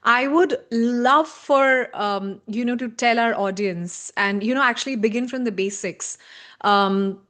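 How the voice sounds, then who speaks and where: A woman's voice: fairly high pitch, a little slow, a bit bright. A woman with an Indian accent hosting a conversational interview, encouraging her guest and feeling her way through her phrasing. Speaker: interviewer, host.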